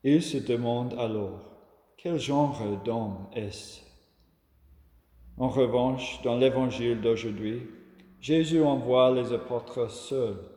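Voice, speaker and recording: A man from Australia giving a calm, measured homily on the gospel. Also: medium pitch. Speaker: preacher. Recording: echoey room with long reverb.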